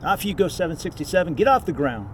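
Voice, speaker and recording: Speaking fast and expressively in a fairly high voice, a man vlogs about plane spotting outdoors near an airport runway. His commentary is casual and unscripted, with faint traffic and other outdoor sounds in the background.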